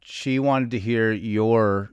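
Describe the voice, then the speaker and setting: A podcast host steering the talk with deadpan quips. He has a smooth, resonant voice at a middle pitch. The sound is dry and close to the mic. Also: slow, no room sound, lo-fi sound. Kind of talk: casual chat.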